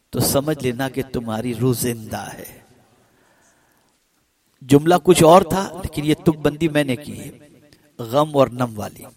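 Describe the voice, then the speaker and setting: A man preaching a religious sermon. He stretches some phrases out slowly and builds others to loud, fervent peaks. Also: mid-range voice. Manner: swells from slow, drawn-out phrases to loud impassioned peaks.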